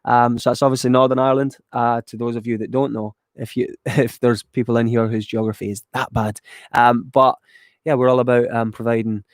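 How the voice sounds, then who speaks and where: A man from west of Glasgow answers his YouTube viewers' chat questions after reading them aloud, loosely and with frequent ums and casual curses. His mid-range voice stays level and moves a little fast, captured in a dry, studio-quality recording.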